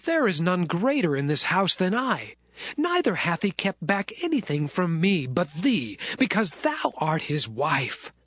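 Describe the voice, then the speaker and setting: Man playing an earnest, animated young biblical servant. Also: high voice, measured pace, no echo, clean studio sound, exaggerated voice. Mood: earnest refusal. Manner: earnest, formal archaic phrasing. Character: earnest, virtuous young Hebrew male servant. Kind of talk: dramatized scripture acting.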